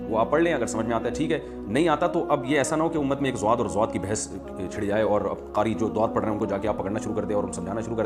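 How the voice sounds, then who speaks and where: A man, an Islamic scholar, calmly explains a point of Quranic pronunciation in a question-and-answer talk, pausing often with fillers. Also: on the low side. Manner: explanatory, measured, with many "aa" fillers. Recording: music playing under the voice.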